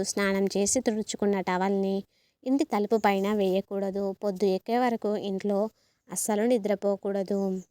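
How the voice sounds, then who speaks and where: A woman hosting her channel, giving a steady, instructive spoken list of household dos and don'ts. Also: mid-range voice, no echo. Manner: steady, instructive, lists rules one after another. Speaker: channel host.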